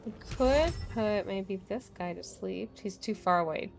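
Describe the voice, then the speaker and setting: A woman's voice: mid-range voice, unhurried, vocal fry, faint music behind. A woman streaming a game, chatting casually and thinking aloud while she plays, with frequent laughs. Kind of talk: casual gameplay commentary.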